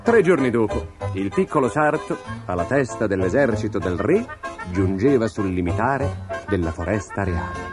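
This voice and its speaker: A man narrates a fairy tale with dramatic, expressive storytelling. His pitch rises and falls in lively swoops. Music plays clearly underneath him. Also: moderate pace. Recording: music in the background.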